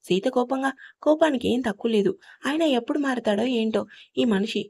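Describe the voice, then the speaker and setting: A woman's voice: on the high side, brisk, darkish tone, husky. Woman narrating an audio story.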